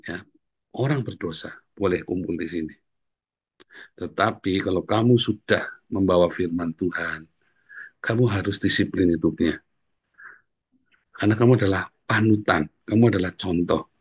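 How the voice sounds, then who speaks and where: A man's voice: normal speed, pauses often, breathy edge. A middle-aged man preaching a sermon as pastor, telling stories in a casual way and often turning to the congregation. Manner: storytelling, addresses congregation as "saudara", lively swings in pitch.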